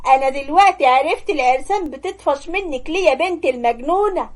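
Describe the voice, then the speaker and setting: A woman voicing an indignant middle-aged groom's mother with an Egyptian accent, loud and scolding. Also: high voice, expressive, fast. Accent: Egyptian Arabic.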